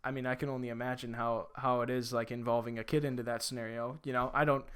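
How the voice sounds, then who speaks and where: Rambling young male podcast host, smooth voice. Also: mid-range voice, level tone, fast. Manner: rambling, heavy on "like" fillers, friendly questions. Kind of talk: casual interview chat.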